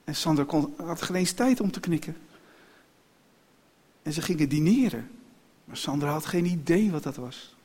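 Male storyteller, slightly high voice, expressive read-aloud of a children's tale. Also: normal speed, long pauses, slightly rough.

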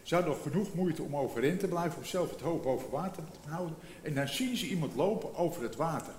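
A man's voice: a little high, expressive, quick pace, a little mellow, reverberant, slight background noise. A man in his seventies preaching a sermon in a reflective way, repeating phrases and rising for emphasis. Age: 70s.

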